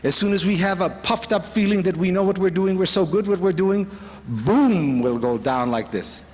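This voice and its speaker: A man's voice: high-pitched, a little fast. Earnest man speaking in a reverberant hall. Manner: earnest, reflective storytelling. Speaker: speaker at a spiritual retreat. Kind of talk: devotional talk. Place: conference hall.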